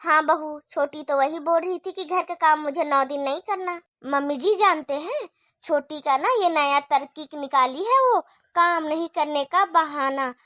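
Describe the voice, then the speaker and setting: A woman's voice: high-pitched, unhurried, pushed and bright, dry recording, voice pushed down. Woman voicing a gossiping elder daughter-in-law. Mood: gossipy. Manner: gossiping, complaining.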